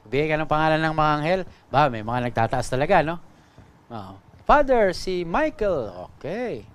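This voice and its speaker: Filipino priest man giving a talk, code-switching, smooth clear voice pitched a bit up, lots of "no?". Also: lively intonation, brisk. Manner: switches between Tagalog and English, frequent "no?" and "okay?" tags; addresses the audience politely with "po". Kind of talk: teaching talk on spiritual warfare.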